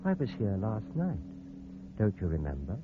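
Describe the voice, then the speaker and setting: A deep-voiced scheming surgeon on AM radio. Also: male voice, wildly swooping pitch, moderate pace, noisy background. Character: cold, scheming male surgeon. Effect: old AM radio broadcast. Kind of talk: 1940s radio acting. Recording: tinny, narrow old AM radio broadcast.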